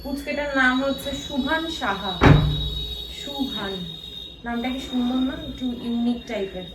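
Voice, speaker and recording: Over loud music, a family vlogger with a high-sitting voice talks at normal speed to her viewers in a home vlog. Sounding tired, she grumbles about chores and missed sleep; she's far from the mic in an echoey, noisy room.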